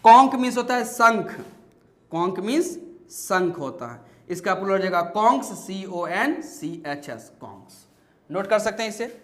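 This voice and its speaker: A man's voice: high voice, very animated, normal speed, a bit bright. A man teaching English grammar in a lesson. He spells out words letter by letter, asks his students questions and answers them himself. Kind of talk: classroom-style lesson. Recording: echoey room.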